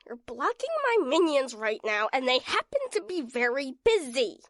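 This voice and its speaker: A woman's voice: high voice, very animated, moderate pace, no room sound, clean studio sound. Woman playing a haughty villain princess. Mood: exasperated. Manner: imperious, shouting orders. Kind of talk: comedy audio drama.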